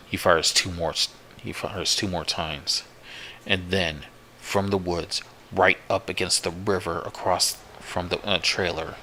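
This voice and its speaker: A man slowly tells a true-sounding horror story in the first person, swearing often and circling back over his own words. His voice sits very low, yet its tone is sharp and bright. A faint hiss runs under the recording. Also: low-quality recording. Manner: profane, slow, repetitive retelling.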